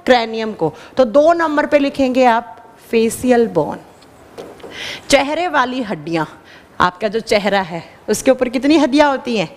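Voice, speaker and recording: A woman teacher talks in a lively, fairly high voice. She fires questions at her students and answers them herself. The recording carries a long reverberant tail from the classroom. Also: normal speed. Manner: animated, addresses students as children, asks and answers her own questions. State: dry throat. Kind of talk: classroom lecture.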